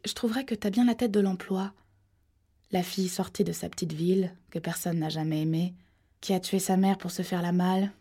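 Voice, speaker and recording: A woman's voice: lowish voice, warm tone, breathy edge. A woman reading an audiobook voices a cruel, domineering man who taunts with contempt. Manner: sneering, contemptuous.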